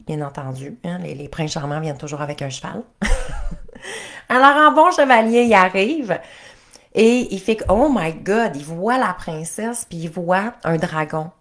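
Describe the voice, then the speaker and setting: Chatty Quebec French woman coach. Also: fairly low pitch. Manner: animated, chatty, many restarts. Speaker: life and couples coach. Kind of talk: storytelling in a coaching talk.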